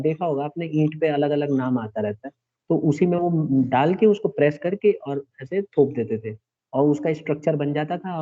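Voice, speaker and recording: Male lecturer, mid pitch, patient explaining style, phone-quality sound. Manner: explanatory, asks checking questions. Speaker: teacher. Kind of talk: classroom lecture. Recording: tinny phone-like online class audio.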